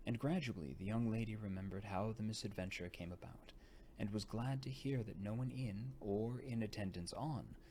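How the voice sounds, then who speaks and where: Reading an old gothic story for an audiobook, a man uses a fairly low, darkish voice. He performs it theatrically and at a measured pace, in the style of a scripted storybook, with faint noise behind him.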